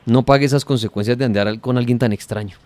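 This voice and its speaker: A man's voice: medium pitch, steady tone, quick pace, background noise. A man with a Colombian accent hosting a radio call-in, questioning in a probing, sarcastic way. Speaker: radio host.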